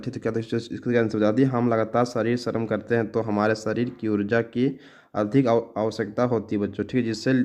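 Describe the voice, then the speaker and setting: A man explains exam answers to schoolchildren at a rapid clip, his voice sitting at an ordinary middle pitch. He tacks "okay" onto nearly every sentence and often breaks off and restarts words as he reads the questions out. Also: darkish tone. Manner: fast, repetitive, calls listeners "friends" and "children"; stumbles and restarts words while reading questions. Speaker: teacher. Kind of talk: exam solution lesson.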